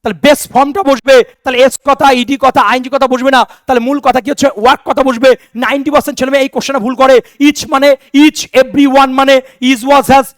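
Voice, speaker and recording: A man's voice: very high-pitched, little pitch movement, dry recording. A middle-aged man teaching an exam-prep English class, drilling rules with rhetorical questions and repetition. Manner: slows to spell out example sentences. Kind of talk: recorded online class lecture.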